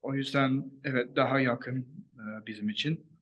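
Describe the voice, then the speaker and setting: A man's voice: mid-range voice, fairly even intonation, moderate pace, muffled recording. A man, a native English speaker with an American accent, speaking broken learner Turkish in simple phrases with long hesitations, in a casual practice conversation. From United States. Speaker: language learner being interviewed.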